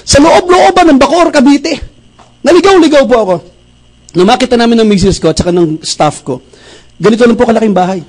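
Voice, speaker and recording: A middle-aged man from Bacolod in the Philippines, a pastor giving a motivational testimony speech, telling stories in a lively way and acting out the dialogue. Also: very high-pitched, fairly quick, rough recording. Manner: animated storyteller who acts out dialogue.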